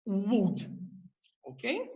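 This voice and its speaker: A man's voice: high voice, wildly swooping pitch, drawn-out words, darkish tone, dull audio. A man teaching English grammar in a live online class, patiently explaining and quizzing his students with questions.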